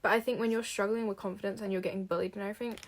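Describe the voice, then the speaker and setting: A woman's voice: mid-range voice, fairly even intonation, very fast, a little hiss or hum. A young woman talks through advice in a loose, conversational vlog. She is blunt and open, peppering her speech with "like" and the odd swear word. Her tone stays casual and unpolished throughout. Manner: frank and chatty, lots of "like" fillers and swearing. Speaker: vlogger giving advice.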